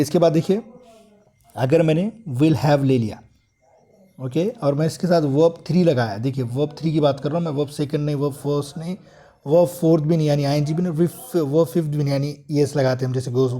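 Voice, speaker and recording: Mellow-voiced man teaching grammar slowly. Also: fairly high pitch. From India. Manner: slow, deliberate explanation, drawing out English example sentences. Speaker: English teacher. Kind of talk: online grammar lesson.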